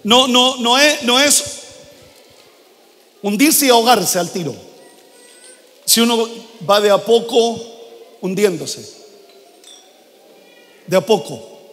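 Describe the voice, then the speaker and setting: An older man preaching a sermon as pastor, repeating phrases and shouting out prayers. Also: very high voice, expressive, takes it slowly, pauses often, soft background music. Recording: long hall reverb.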